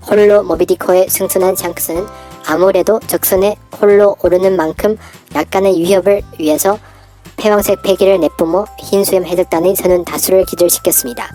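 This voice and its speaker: A narrator whose voice is disguised by a downward pitch shift, reading a scripted story-style character breakdown with steady delivery and falling sentence ends.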